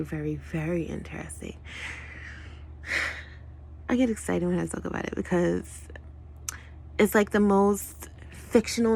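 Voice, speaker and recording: A woman's voice: lowish voice, creaky. A woman in a casual spoken monologue, sarcastic and profane, rambling through tangents and correcting herself mid-sentence. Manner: frequent self-corrections and tangents.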